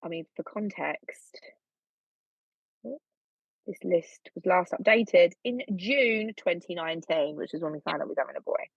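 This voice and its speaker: A woman's voice: lowish voice, a little slow, vocal fry, pauses often, slightly rough, dry recording. A woman co-hosting a podcast, chatting casually with a candid, jokey and blunt manner. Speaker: podcast co-host. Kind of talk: casual chat. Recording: slightly dull, dry recording.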